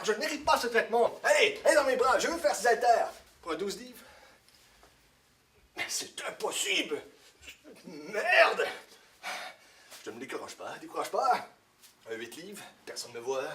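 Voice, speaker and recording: Man playing boastful hapless rich man, comedy parody, whiny, wildly swooping pitch, echoey room. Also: a bit bright. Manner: pompous, whiny, theatrical. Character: vain, boastful, incompetent male millionaire, easily outraged. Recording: roomy echo, faint noise.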